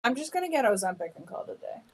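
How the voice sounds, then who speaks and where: A woman's voice: a little high, sing-song, very fast, a little mellow, slightly rough. A woman co-hosting a podcast over a video call, casual and jokey, blunt, swearing and laughing a lot. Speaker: podcast co-host. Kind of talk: casual chat.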